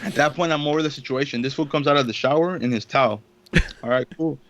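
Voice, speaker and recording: A young podcast co-host tells a story in casual, profane slang, swearing a lot and acting out the quotes. His medium-pitched voice is fast and a bit bright, with a lo-fi sound.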